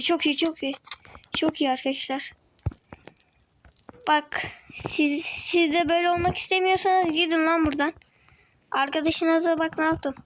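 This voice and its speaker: High-voiced excitable young gamer. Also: female voice, a little hiss or hum, low-quality recording. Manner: excitable, talks to viewers and in-game enemies, drops to whispers. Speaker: gaming video creator. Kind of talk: casual gameplay commentary.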